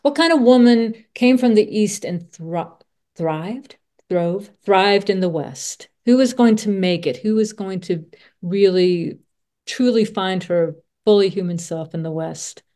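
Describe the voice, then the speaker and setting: A woman hosts a conversational podcast interview, speaking informally and repeating herself as she searches for words. Her voice is medium-pitched, mellow and unhurried.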